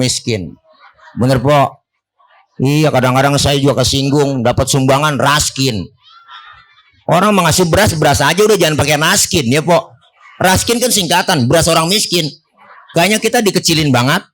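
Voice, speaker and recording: A man's voice: a little high, a bit bright. Joking Betawi preacher man. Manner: joking, teasing the crowd, colloquial. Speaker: Islamic preacher. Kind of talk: comedic sermon. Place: Prophet's birthday gathering in a village neighborhood.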